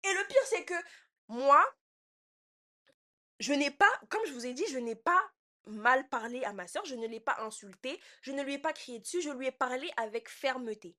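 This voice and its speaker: Animated, slangy young woman. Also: high-pitched, normal speed. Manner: slangy, animated, swings between quiet and loud. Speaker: podcast host. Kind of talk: casual storytelling.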